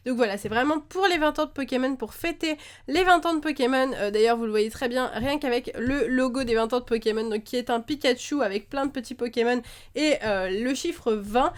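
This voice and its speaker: A young woman chatting enthusiastically to camera as she unboxes trading cards, with many fillers along the way. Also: sits high. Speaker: YouTuber opening trading cards. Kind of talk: casual unboxing chat. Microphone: camera mic, face to camera.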